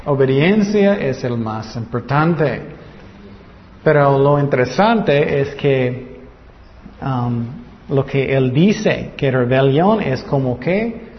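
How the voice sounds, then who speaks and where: Slow-preaching man in an echoey hall. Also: medium pitch. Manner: slow, deliberate preaching with rhetorical questions. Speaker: pastor. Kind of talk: sermon. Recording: muffled reverberant hall.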